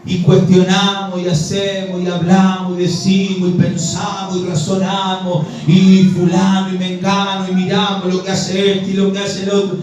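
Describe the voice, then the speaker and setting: A man's voice: high voice, monotone, moderate pace, hardly any pauses, a little mellow. A middle-aged man with a Rioplatense Spanish accent preaching a sermon with passion, acting out Bible dialogue in shifting voices. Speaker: pastor. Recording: very echoey hall, distant mic, faint noise.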